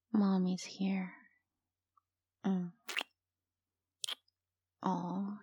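A woman in a whispered intimate audio roleplay, talking slowly in a soft cooing manner close to the microphone. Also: on the low side, vocal fry, slightly rough, dry recording. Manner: slow, cooing, mostly whispered.

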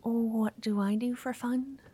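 Slow and steady in tone, a slightly high, breathy female voice whispers softly in a roleplay as a nervous young noblewoman. The character is hesitant and stammers occasionally.

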